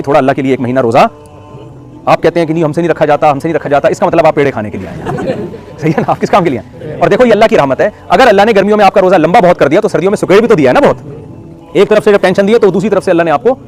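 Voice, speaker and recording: A middle-aged man delivering a sermon, animated and joking, asking the audience questions. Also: a little high. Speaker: preacher.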